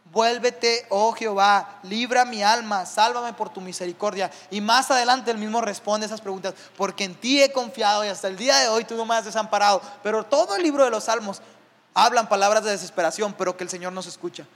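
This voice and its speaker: High-voiced male preacher in a reverberant church. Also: fast talker, fairly bright tone. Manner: preaching with rising emphasis and frequent rhetorical "¿verdad?". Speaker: pastor. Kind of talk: sermon.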